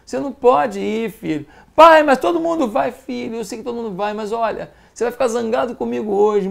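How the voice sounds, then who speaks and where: A man's voice: high voice, vocal fry, darkish tone. A man with a Brazilian accent, a pastor giving an earnest broadcast sermon, emphatic and fatherly, repeating words for stress. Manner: fatherly exhortation.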